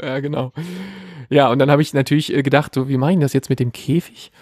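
A man's voice: medium pitch, little pitch movement, quick pace, darkish tone, no echo, clean studio sound. A man in his thirties, co-hosting a podcast, telling a story casually with many fillers. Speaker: podcast co-host. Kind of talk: casual chat.

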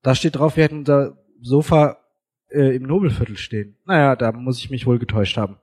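Husky man with a cold. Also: medium pitch, brisk, darkish tone. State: hoarse from a cold. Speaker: podcast co-host. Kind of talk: casual chat.

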